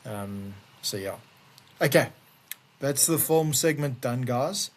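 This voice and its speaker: A man with a middle-pitched voice hosts a podcast segment in casual chat. He sounds relaxed and easygoing as he reads out the news. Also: slow pace. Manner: laid-back, reads out news items. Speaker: podcast co-host.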